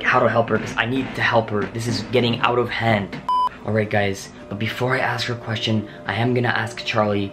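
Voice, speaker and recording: A young adult man talking urgently and dramatically to camera as a vlogger in a small home office, with exclamations and sighs. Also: fairly low pitch. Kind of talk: dramatic paranormal challenge vlog. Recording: home room with music behind.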